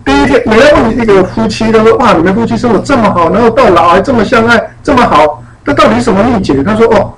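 A man's voice: sits high, quick pace, few pauses, a crowd in the background, rough recording. A man giving a casual lecture, telling anecdotes and acting out the voices of people in his stories. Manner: animated, acts out quoted voices in stories. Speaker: lecturer on spiritual teachings.

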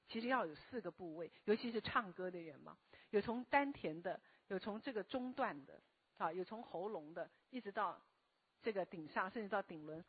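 A woman gives a calm talk to a class, speaking slowly and checking in with the listeners by asking them questions. Her voice is husky and a little hoarse from a cough, and her pitch moves up and down a lot. It is a dry recording with a thin, tinny phone-like sound. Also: dry recording. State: a bit hoarse from a recent cough. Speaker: lecturer and meditation teacher. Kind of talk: spoken self-help lecture to a live class.

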